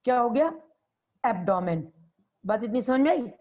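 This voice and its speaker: A woman's voice: fairly high pitch, expressive, moderate pace. Woman biology teacher with a dull lo-fi sound. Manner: repeats key terms and quizzes students. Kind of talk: classroom lecture. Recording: dull lo-fi classroom recording.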